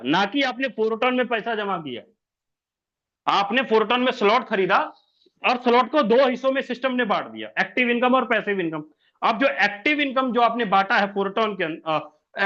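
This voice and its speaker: A man with a bright, high voice explains an income plan step by step, walking through a diagram on lo-fi sound. He is repetitive, asks and answers his own questions, and keeps saying "sir."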